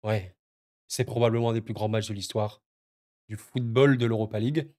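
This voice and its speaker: A man's voice: lowish voice, steady tone, normal speed, a little mellow. A man reacting to a football match on his video channel, agitated and emotional, stammering and repeating himself as he talks to his viewers. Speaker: football YouTuber. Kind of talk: excited football reaction vlog.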